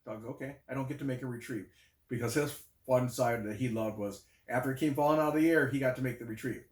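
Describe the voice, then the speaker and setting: A man's voice: mid-range voice, fast. A man who trains dogs, explaining scent work in a folksy, casual way. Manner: folksy, talks to a dog with firm short commands. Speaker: dog trainer. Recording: roomy echo, voice heard from afar.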